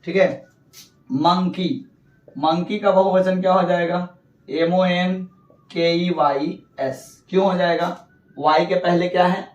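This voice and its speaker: A man's voice: high voice, steady tone, takes it slowly, roomy sound, far from the mic, highs cut off. A male teacher explaining English grammar rules, asking questions and answering them himself. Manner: repeats rules, asks and answers own questions. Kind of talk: classroom lesson.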